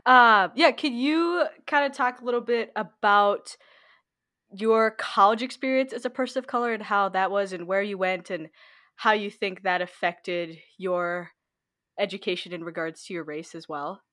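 A woman's voice: mid-range voice, normal speed, bright, forceful tone. A young woman hosting an interview podcast, earnestly introducing the show and asking her guest questions. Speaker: podcast host.

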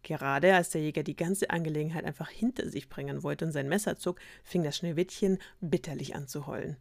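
Woman storyteller, lowish voice, dry close sound, ironic and slangy. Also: a little fast, gravelly, dry recording. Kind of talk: casual fairy-tale retelling.

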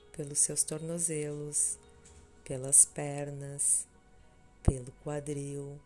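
With background music playing, a Brazilian woman leads a meditation in a low, mellow voice. Her pace is slow and soothing, with short, measured phrases separated by long pauses.

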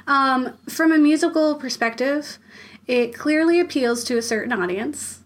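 A woman's voice: sits high, normal speed. A young woman co-hosting a podcast in casual chat. She uses lots of fillers, laughs often and mimics voices. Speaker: podcast co-host.

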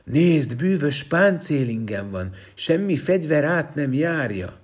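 A man voicing a coaxing male stone man who slowly tempts a prince with magic weapons in a storybook tale. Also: fairly high pitch, big pitch swings, voice pushed up. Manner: sweet-talking, slow and tempting.

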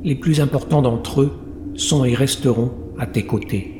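A man voicing a mysterious shadow spirit who speaks slowly, solemnly and in riddles. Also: medium pitch, close to an everyday voice. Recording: roomy long reverb, faint noise.

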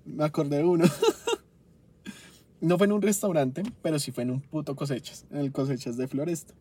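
A man's voice: on the high side, fairly even intonation, warm tone, breathy edge. A young man with a Colombian Bogotá accent, telling restaurant stories in a casual, profane rant and flaring up with exasperation, recorded inside a car. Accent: Colombian Spanish, Bogotá. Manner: profane, exasperated, quick to flare up. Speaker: podcast host.

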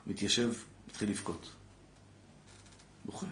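A man, a rabbi, giving an impassioned Torah class to a live audience, calling listeners brother and building to loud exhortation. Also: fairly low pitch, fairly even intonation. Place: lecture room with a live audience. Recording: echoey room with faint background noise.

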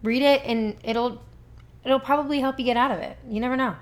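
A woman's voice: sits high, steady tone, fairly quick. A woman co-hosting a podcast in casual chat, upbeat and playful. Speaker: podcast co-host.

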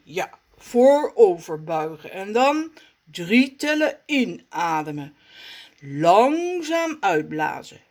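A woman voicing a calm, kindly man with a moustache in a storybook reading, soothing and patient. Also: a little high, slightly rough, heavily acted.

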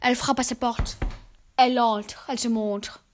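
A woman reciting verse fables in a measured, expressive way. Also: a little high, a little hiss or hum. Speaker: reader.

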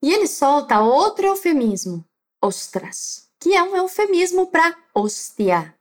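A woman with a Brazilian Portuguese accent teaches a language lesson in a clear, patient way, pausing to have listeners repeat after her. Her voice sits high and moves up and down a great deal. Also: big pitch swings. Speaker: Spanish teacher.

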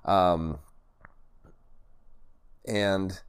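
A man hosting a solo podcast and vlog, talking to camera in a halting, rambling way and often repeating or correcting himself. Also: low voice, steady tone, smooth. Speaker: podcast host. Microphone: recorded on camera for video and podcast.

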